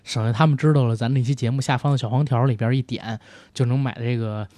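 A man's voice: mid-range voice, fairly even intonation, quick pace, warm tone, no echo. A man chatting as a podcast co-host, teasing and colloquial. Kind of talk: casual comic banter and sales pitch.

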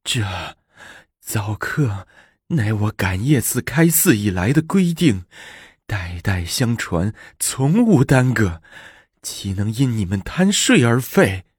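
A man voicing a flustered, indignant middle-aged female abbess who stammers and speaks slowly. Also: on the low side, sing-song, slightly rough, dry recording, studio quality, exaggerated voice.

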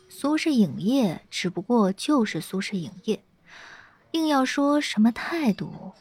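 A woman narrating a web novel in a steady, lightly playful storytelling tone. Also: medium pitch, no echo. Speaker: audiobook narrator.

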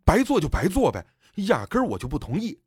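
A man's voice: a little high, huge pitch swings, a little fast, slightly rough, no echo, full character voice. Distraught son, man doing him, pleading tearful voice, storybook, dry recording.

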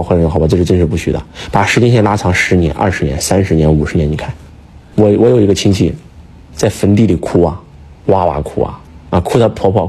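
Husky, fast-talking man lecturing emphatically. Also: deep voice, dark tone. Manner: emphatic, lecturing, rhetorical questions. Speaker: speaker, teacher. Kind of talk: casual preaching chat.

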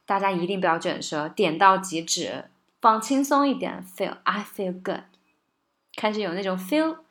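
Woman, voice teacher, casual lesson, patient, coaxing, slow modeled words. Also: mid-range voice, fairly bright tone. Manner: patient, coaxing, checks in with listeners often; slows down to model English words, sometimes sings lines. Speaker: singing and pronunciation teacher.

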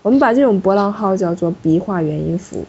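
A woman's voice: mid-range voice, expressive, a little fast, dark tone, faint music behind. A woman teaching French to a class in a classroom, explaining step by step and patiently correcting students. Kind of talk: classroom language lesson. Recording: muffled, slightly noisy classroom recording.

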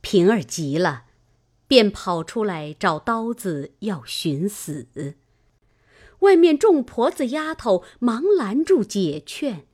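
Expressive woman narrating a classic novel. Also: mid-range voice, takes it slowly. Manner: expressive, dramatic storytelling. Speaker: audiobook narrator.

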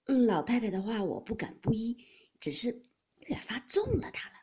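A woman voicing a young nobleman husband who talks in an apologetic, placating way, with a breathy voice. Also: medium pitch, expressive, a little fast, darkish tone.

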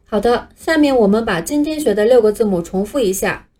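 A woman teaching English letters, speaking patiently and clearly in a scripted lesson, with Chinese as her first language. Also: fairly high pitch, expressive, a little fast, warm tone. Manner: patient, clear, modeling pronunciation for learners to repeat.

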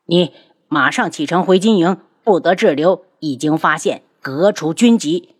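A woman's voice: fairly low pitch, unhurried, husky. A woman voicing a cold, proud young prince in an audiobook, speaking sternly.

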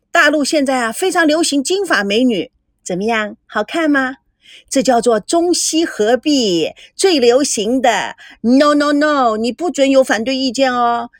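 A woman's voice: high-pitched, dry recording, studio quality. A woman doing a showy, coquettish lady. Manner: sing-song, affected, exaggerated. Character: flamboyant middle-aged woman, showy and coquettish.

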